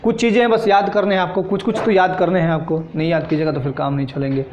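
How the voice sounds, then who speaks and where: Male teacher, high voice, quizzing a class over and over in an echoey, dull-sounding room. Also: steady tone, quick pace, darkish tone, slight background noise. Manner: drills students with repeated questions. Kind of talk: classroom lesson.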